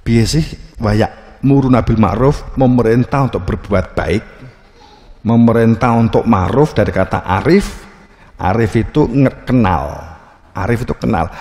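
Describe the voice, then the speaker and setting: A man with a Javanese accent gives a religious lecture at a slow, unhurried pace, joking and acting out little scenes. His low voice is gravelly and mellow. The sound rings with a long reverb, as in a large hall. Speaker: religious teacher.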